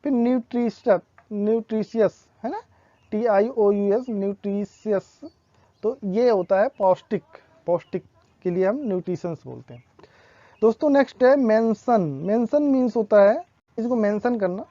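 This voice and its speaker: A woman's voice: medium pitch, mellow, dry recording, muffled recording. Patient woman teaching pronunciation. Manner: patient, repeats each example slowly. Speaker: English teacher. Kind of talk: explaining pronunciation rules.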